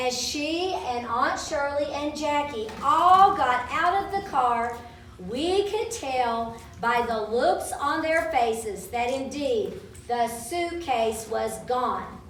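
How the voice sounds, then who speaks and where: At a live event in a large room, a woman dramatically reads a childhood story to children, voicing the quoted speech. Her voice is high and fairly bright, and the recording is roomy and distant-miked with faint background noise.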